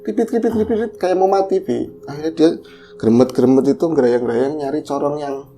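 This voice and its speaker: Gravelly male storyteller. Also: fairly high pitch, a little fast, a little hiss or hum. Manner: animated, acts out the voices of characters. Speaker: podcast storyteller. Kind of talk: casual horror storytelling.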